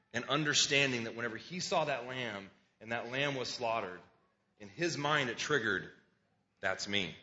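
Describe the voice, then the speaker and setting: A man's voice: medium pitch, sharp tone, muffled recording. A man preaching a sermon in an earnest, conversational way, reading scripture aloud and often restarting his words.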